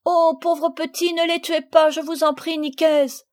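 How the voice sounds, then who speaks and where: A woman reading aloud voices an excitable, tender-hearted little girl who calls out loudly. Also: very high voice, unhurried, pitched above the performer's own voice. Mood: pleading. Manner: excited, pleading, loud.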